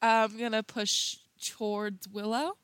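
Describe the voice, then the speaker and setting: A woman plays a tabletop game, talking casually. Her voice is somewhat high and bright, and she speaks at a slow pace. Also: little pitch movement, clear, resonant tone.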